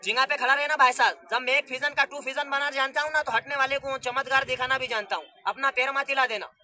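A young man performing as a street magician, barking patter loudly at a gathered crowd outdoors. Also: very high voice, fairly even intonation, fast, slight background noise. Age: young adult.

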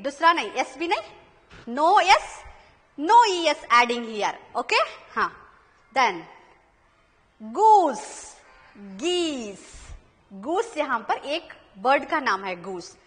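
A high, very animated woman with an Indian accent teaches children in a slow, deliberate classroom manner. She spells words out and keeps checking whether they follow. Her voice is bright and carries a long echo from the room. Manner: explains slowly, repeats words, spells letter by letter, asks children questions. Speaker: primary school English teacher. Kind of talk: classroom lesson in Hindi-Urdu and English.

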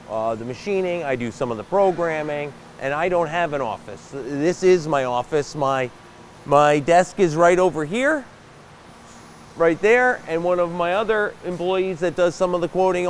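A man in his fifties shows off his machine shop, his fairly high voice explaining parts and machines in a plain, unhurried way with plenty of fillers. A faint hum of air conditioning and machinery sits behind him on the bright shop floor. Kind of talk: guided shop tour.

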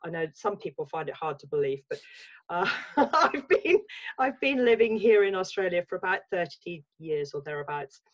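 Speaking from a bookshelf-lined room at home, this English life coach in her sixties is a guest on a casual video-call interview, reflective and full of restarts. Her fairly low voice has lively intonation at normal speed, and the laptop webcam mic cuts off the highs.

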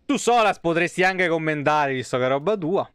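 A man's voice: a little high, lively intonation, fairly quick, a bit bright, clear, resonant tone. A man with an Italian accent giving casual, sarcastic live commentary on a game he is playing, swearing freely and talking back at the characters. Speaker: gaming streamer.

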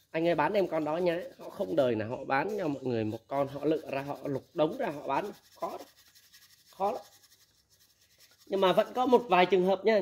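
A man, casually giving blunt, candid advice as a used machinery dealer, laughing often. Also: on the high side.

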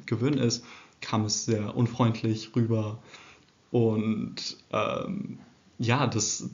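A man's voice: on the low side, dull audio. Hesitant young man lecturing over slides. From England. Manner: hesitant, many fillers and restarts. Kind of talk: recorded slide presentation. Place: indoor room.

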